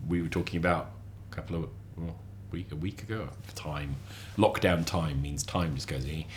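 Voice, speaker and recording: Deep-voiced guy chatting on a podcast, jumps into funny voices when quoting people, bit of faint background hum. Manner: animated storyteller, acts out quotes with sudden high voices; halting restarts, repeats words. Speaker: podcast guest; lecturer. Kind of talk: casual chat.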